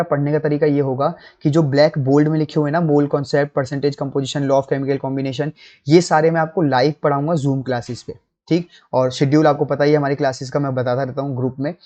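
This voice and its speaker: A man's voice: on the high side, darkish tone, highs cut off. A man teaching a chemistry lesson over slides. He talks to his students as kids and keeps checking in with them. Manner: addresses students as kids, checks in with "theek" and "hai na". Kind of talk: classroom lecture to students.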